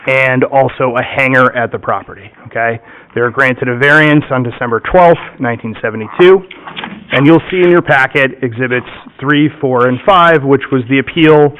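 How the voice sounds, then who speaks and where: A man representing an applicant, giving a formal, methodical presentation at a public hearing and pausing often to check in with "okay?". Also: mid-range voice, a little hiss or hum. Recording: muffled meeting-room recording.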